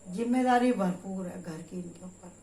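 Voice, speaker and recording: Loud, preachy older woman reading tarot. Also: lowish voice, normal speed, vocal fry, recorded from a distance, slight background noise. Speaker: tarot reader. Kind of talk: spiritual tarot reading with storytelling. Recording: roomy echoey room.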